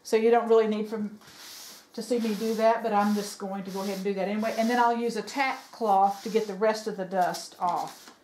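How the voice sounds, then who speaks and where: A woman's voice: fairly high pitch, a little mellow, slight background noise. Chatty woman rambling through a DIY project. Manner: chatty, rambling, self-correcting with fillers. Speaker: DIY furniture vlogger. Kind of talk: casual how-to narration while working. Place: home sewing room, indoors.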